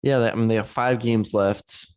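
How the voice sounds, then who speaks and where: A man's voice: lowish voice, steady tone, normal speed, a little mellow, smooth. A man co-hosting a casual sports podcast, talking enthusiastically with frequent fillers and restarts. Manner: enthusiastic, conversational, many fillers.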